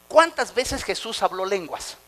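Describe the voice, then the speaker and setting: A male pastor preaching a sermon, animated, calling the congregation to repeat after him and acting out quoted voices. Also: sits high, unhurried. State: anxious, fast talker. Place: church service.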